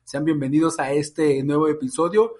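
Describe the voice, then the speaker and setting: Slightly husky, higher-pitched Mexican man. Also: moderate pace, darkish tone. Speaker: podcast co-host. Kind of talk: casual slangy podcast talk.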